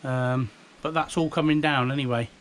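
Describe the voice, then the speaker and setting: Here a hobbyist video maker in his fifties, British, talks at normal speed in a steady, mid-range voice that sounds a bit bright. The recording, made outdoors by a house in a breeze on a handheld device, carries a little hiss or hum, and his show-and-tell is chatty and meandering.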